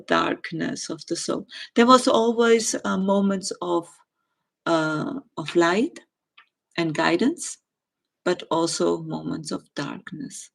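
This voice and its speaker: A middle-aged woman with a German accent, answering viewer questions in a live chat and pausing often with ums and uhs. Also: lowish voice, creaky. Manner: hesitant, many ums and uhs, gentle.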